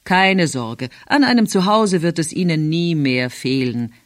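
A woman voicing a reassuring older man in an audiobook, low and murmuring. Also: expressive, a little slow, no echo, studio quality.

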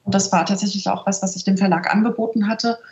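This middle-aged translator from northern Germany, near Celle, is a guest in a reflective interview, speaking thoughtfully and searchingly with frequent little tag questions. Her mid-range, slightly mellow voice moves quickly with fairly even intonation. The remote audio sounds roomy and a little dull.

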